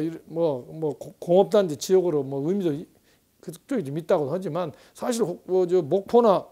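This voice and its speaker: A man's voice: a little high, warm tone. A man in his sixties, a professor, giving a rambling conversational lecture on politics with frequent rhetorical asides.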